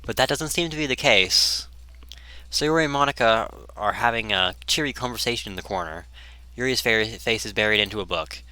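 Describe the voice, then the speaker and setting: Low-voiced man reading a game aloud. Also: brisk, pushed and bright, clean tone, dry recording. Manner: stumbles over words and restarts often. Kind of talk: reading a visual novel aloud with commentary.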